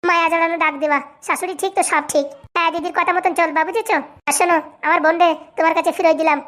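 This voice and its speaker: A woman's voice: very high voice, fairly even intonation, very fast, a bit bright. A woman voicing a bossy elder sister who lectures and orders others about.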